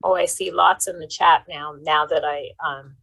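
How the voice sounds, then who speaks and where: A woman presenting and moderating at an online conference, speaking in a steady, conversational way. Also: low-pitched, moderate pace, vocal fry, husky, low-quality recording.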